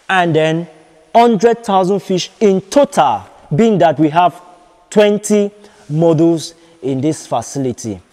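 A young man from Nigeria giving a walking video tour of a fish farm, talking haltingly with many fillers and repeated phrases. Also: high voice, warm tone. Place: large concrete fish farm buildings, partly open-air. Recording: long reverb in bare concrete halls.

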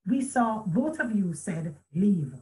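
This middle-aged woman, an author, shares a personal story as a guest over a video call, picked up by her webcam in a home room with a chandelier. Her mid-range voice is warm and slow, with lively intonation. She sounds earnest and reflective, often restarting sentences and quoting speech.

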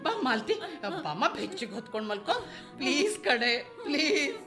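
A woman's voice: sits high, very animated, normal speed. A woman voicing a middle-aged mother who welcomes a friend and consoles her grieving daughter in a radio drama. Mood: consoling. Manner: fussing, consoling, hospitable. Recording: radio drama with background music.

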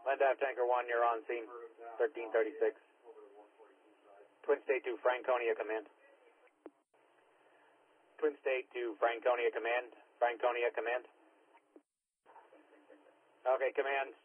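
Over a two-way radio, a man dispatching fire and ambulance units gives clipped, procedural calls and repeats units and times. His medium-pitched voice barely changes in pitch, and he moves at a measured pace with long pauses. The dispatch mic audio is slightly rough, narrow, and tinny, like scanner radio.

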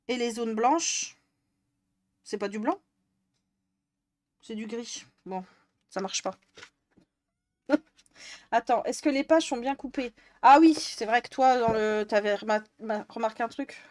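A young woman from northern France colors during a live stream, talking to her chat while exasperated and cursing a lot. Her voice is on the high side and a little mellow, a little slow, with long pauses.

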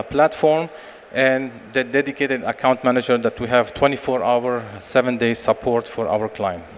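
Presenter on a reverberant expo stage. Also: male voice. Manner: sales pitch with frequent fillers and restarts. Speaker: company managing director presenting. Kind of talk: conference presentation and Q&A. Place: large expo stage hall. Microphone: handheld mic. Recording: long hall reverb, faint noise.

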